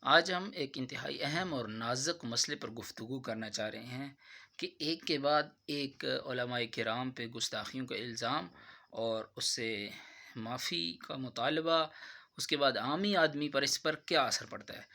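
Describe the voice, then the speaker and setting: A man giving spoken commentary on a religious dispute in a measured, admonishing tone. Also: medium pitch, gravelly, pushed and bright.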